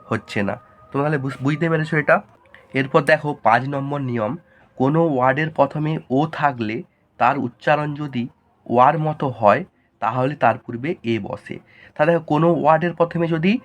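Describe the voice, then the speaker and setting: Man, classroom-style grammar lesson, poses questions then answers them lower. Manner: asks questions and answers them himself, dropping low on the answer. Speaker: teacher.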